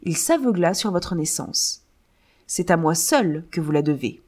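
A woman's voice: fairly low pitch, expressive, measured pace, a little mellow. A woman voicing an impoverished older man who insists he is the listener's father, in a read-aloud novel. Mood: confessional.

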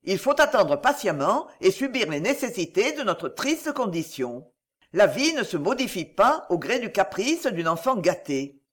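A man's voice: sits high, big pitch swings, a little slow, a bit bright, exaggerated voice. A man playing a proud ironmaster husband who speaks severely, coldly and mockingly.

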